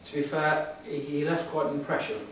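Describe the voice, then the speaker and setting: A middle-aged man speaks earnestly and a little hesitantly, answering formal interview questions. His voice rings around a very echoey hall, picked up from a distance with clear noise behind it. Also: fairly high pitch, level tone, a little fast. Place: echoey meeting room, addressing the room.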